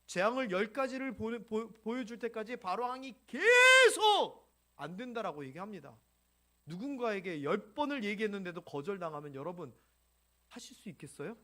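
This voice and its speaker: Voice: mid-range voice, big pitch swings, moderate pace, sharp tone. A pastor preaching a Sunday sermon in church who acts out biblical dialogue and asks the congregation questions. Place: church sanctuary.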